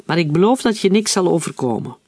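A man reading aloud, voicing a hoarse, gruff prisoner who speaks in commands. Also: fairly high pitch, very animated, fast, a little mellow, dry recording, voice pushed up, full character voice.

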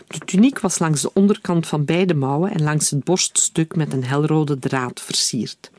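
A man narrating an audiobook in a calm, even storytelling manner. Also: on the high side, normal speed, dry recording, clean studio sound.

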